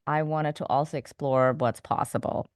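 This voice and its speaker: A woman from Indonesia, a podcast host, giving thoughtful, measured interview answers with small restarts. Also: deep voice, fairly even intonation, smooth, dry recording, studio quality. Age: adult, came to the U.S. as a teenager.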